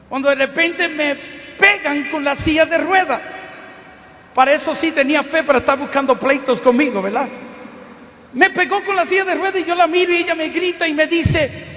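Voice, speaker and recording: A man preaching a sermon with fervor, often pausing to address the listener fondly. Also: very high voice, sharp tone. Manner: fervent, repeats a fond address to the listener. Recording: long hall reverb.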